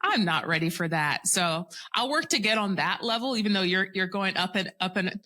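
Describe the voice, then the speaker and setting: A woman's voice: mid-range voice, animated, normal speed, pushed and bright. A woman hosting a podcast, enthusiastic and encouraging as she talks with her guest. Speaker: podcast host. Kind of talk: casual interview chat.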